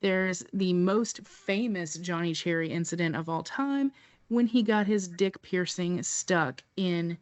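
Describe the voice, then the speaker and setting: A woman's voice: lowish voice, unhurried, no room sound. A woman co-hosting a podcast, chatting casually with dry, wry quips. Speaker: podcast co-host. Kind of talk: casual chat.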